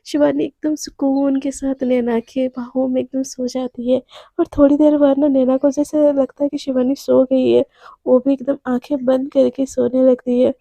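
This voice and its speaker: A woman with a hoarse, sore throat, casually telling a story and talking to her listeners as friends. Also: high-pitched, flat delivery, moderate pace, dark tone, no echo. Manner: chatty, addresses listeners as friends.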